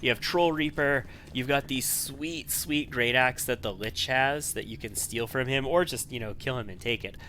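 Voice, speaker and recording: A man's voice: mid-range voice, moderate pace, hardly any pauses, sharp tone. A man giving casual, analytical gameplay commentary, sometimes repeating himself as he thinks. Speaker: video game let's player. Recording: faint background noise.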